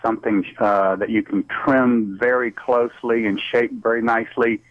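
A man's voice: medium pitch, flat delivery, normal speed, no room sound. A man calling in to a radio show over the phone, politely and carefully describing what he wants, with some ums. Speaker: radio call-in caller. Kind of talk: casual chat. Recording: dull dry phone line.

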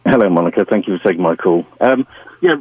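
A man's voice: low-pitched, animated, fast, husky, no room sound. A British man calling into a talk show on a crackly phone line that fades in and out, talking hesitantly and often saying "like I say". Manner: hesitant, restarts often, repeats "like I say". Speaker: caller. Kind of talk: phone-in chat. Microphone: phone handset. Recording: muffled dry phone call.

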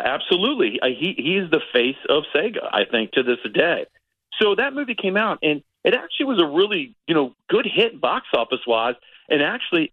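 The audio is narrow and tinny, with no room sound, as a middle-aged film critic talks about movies on the radio. He has a fairly high-pitched voice and chats casually and ramblingly, frequently repeating things to drive them home.

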